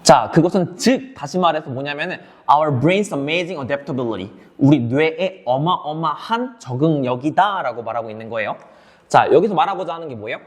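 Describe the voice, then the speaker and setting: A man's voice: on the high side, expressive, moderate pace. A male English teacher giving an online exam lecture. He goes through the passage sentence by sentence, asking questions and answering them himself, and speaks straight to his students. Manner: switches between English words and explanation, addresses students directly.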